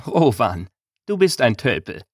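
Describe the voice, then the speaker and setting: A man's voice: mid-range voice, big pitch swings, measured pace, dry recording, clean studio sound. A man reading a German audiobook, voicing a bold, teasing young village girl with a raised, stern-then-coaxing voice.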